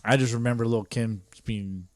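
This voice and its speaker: A man co-hosting a podcast, chatting casually in an animated way, swearing and laughing often. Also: mid-range voice, normal speed, no echo. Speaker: podcast co-host. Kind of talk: casual chat.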